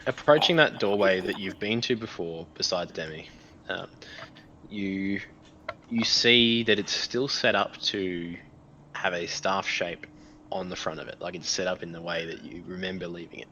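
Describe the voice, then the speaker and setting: Male game master, bright forceful low voice, improvised, halting scene narration. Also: lo-fi sound, slight background noise. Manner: halting, repeats phrases while describing scenes.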